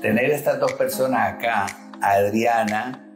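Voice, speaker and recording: A man's voice: medium pitch, measured pace, echoey room, over music. A man hosting an interview podcast, welcoming his guests and inviting them to speak. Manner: welcoming, with short affirmations. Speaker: podcast host.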